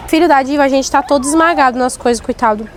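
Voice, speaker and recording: A woman filming a casual vlog on her phone in a supermarket aisle, talking excitedly with playful mock alarm. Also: high voice, brisk. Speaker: mother filming a family outing. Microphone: handheld phone camera. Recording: noisy store ambience.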